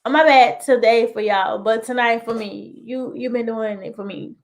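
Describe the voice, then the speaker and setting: A woman's voice: on the high side, moderate pace, gravelly. A woman co-hosting a casual chat show, teasing and talking straight to her audience. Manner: animated, teasing, talks to the audience. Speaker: co-host.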